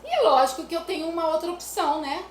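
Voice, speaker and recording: A woman's voice: very high-pitched, fast. A woman from Brazil, explaining music activities for children to parents in a chatty way, often adding "né?". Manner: chatty, repeats "né?" often, sings nursery rhymes as examples. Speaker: music educator. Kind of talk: casual teaching talk to parents. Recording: echoey room with faint noise.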